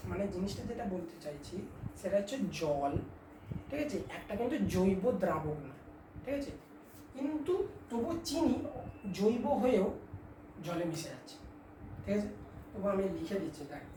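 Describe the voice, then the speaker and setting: A woman teaching a class, asking questions and answering them herself, dictating points slowly for her students. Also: mid-range voice, mellow, slight background noise. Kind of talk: classroom chemistry lesson. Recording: echoey room, mic at a distance.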